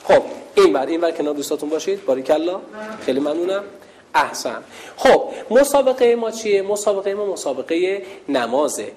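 A woman religious instructor leading a lively call-and-response game with young girls in a large hall. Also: lowish voice. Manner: lively, playful, calls out loudly.

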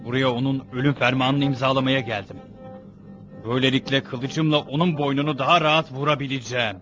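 A man's voice: mid-range voice, steady tone, brisk, a bit bright, lo-fi sound, faint music behind, lightly acted. An actor voicing a young male warrior in a dubbed period drama, blunt and impatient with his grieving family. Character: young male warrior, defiant son and nephew.

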